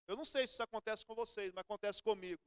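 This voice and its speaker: A man's voice: sits high, very fast, fairly bright tone, clean tone, no room sound, clean studio sound. A middle-aged Brazilian man preaching a sermon in church, telling everyday stories in a conversational way. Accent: Brazilian Portuguese. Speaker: pastor.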